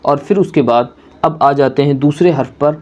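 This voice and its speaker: A man's voice: a little high, a little mellow. Patient man drilling letter sounds. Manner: patient explaining teacher. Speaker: Quran reading teacher. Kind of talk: step-by-step beginner lesson.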